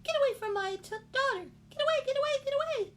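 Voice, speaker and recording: A woman's voice: big pitch swings, measured pace, warm tone, slight background noise. A woman voicing a worried, protective mother bird in a children's story, coaxing and urgent. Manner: urgent and coaxing, rising to shrill cries.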